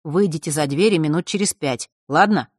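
A man voicing a protective, decisive teenage boy in an audiobook, brisk and matter-of-fact. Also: a little high, no echo, clean studio sound, close to an everyday voice.

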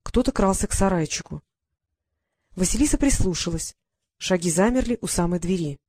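An audiobook narrator, a woman, expressively reads scripted narration of a story. Her voice leans low, her pace is normal, and the studio recording is clean and dry.

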